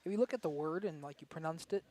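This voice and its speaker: A man's voice: on the high side, fast, warm tone. A man giving baseball color commentary, playful and jokingly boastful in his banter.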